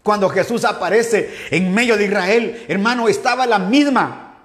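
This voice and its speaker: A man's voice: high voice, moderate pace. A man pastor with an Ecuadorian accent, preaching a fervent sermon and calling his listeners "brother" again and again. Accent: Ecuadorian Spanish. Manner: fervent, repeatedly addressing listeners as "hermano". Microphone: livestream mic.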